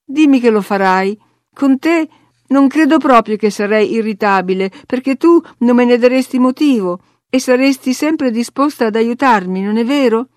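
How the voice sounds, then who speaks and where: A woman's voice: on the high side, moderate pace, darkish tone, dry recording, studio quality, pitched above the performer's own voice, lightly acted. A woman voicing a sickly, spiteful boy who whines and taunts in a sing-song way, in a read-aloud story. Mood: wheedling.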